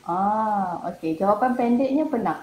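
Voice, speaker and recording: Woman, thirties, soft mellow tone, informal giggly chat, roomy noisy laptop recording. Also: medium pitch, lively intonation, normal speed. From Malaysia. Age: 30s. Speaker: panel guest, language academy founder. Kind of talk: casual online panel chat. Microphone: laptop on an online call. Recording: echoey room with background noise.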